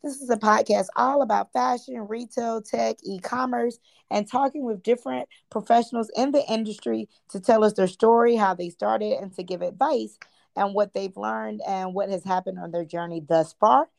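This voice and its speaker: A woman with a fairly high, gravelly voice hosting a podcast. She introduces her guest in a friendly, affirming way and backs her up with steady "yeah"s. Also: normal speed. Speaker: podcast host.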